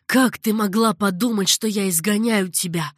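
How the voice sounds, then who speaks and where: A woman's voice: lowish voice, steady tone, normal speed, dry recording, studio quality, natural voice. A woman voicing an older male caliph who speaks earnestly, patiently and with sorrow. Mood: firm. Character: older male caliph, grave and tender ruler.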